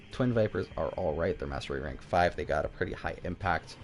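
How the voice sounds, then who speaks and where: A man's voice: low voice, lively intonation, normal speed, soft background music. A man giving casual video game commentary, rambling along and often stumbling and repeating himself. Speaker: gaming YouTuber.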